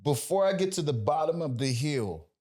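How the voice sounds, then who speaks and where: A singer from the United States, in his forties, rambles through his story during a relaxed interview, restarting sentences and leaning on fillers. He has a fairly high, slightly mellow voice with a sing-song lilt, speaking at normal speed.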